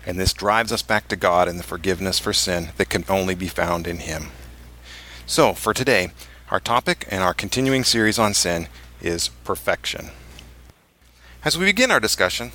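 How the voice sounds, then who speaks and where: A man hosting a religious podcast, reading scripted material and quotations in a measured, emphatic way and moderating a panel. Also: low-pitched, bright, forceful tone, a little hiss or hum. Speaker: podcast host, church elder.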